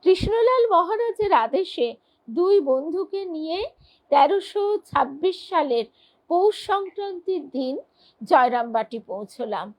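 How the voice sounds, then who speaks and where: A woman reading devotional stories aloud and commenting on them in a measured, earnest way. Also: extremely high pitch, expressive, a little mellow, poor audio. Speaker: reader of devotional texts.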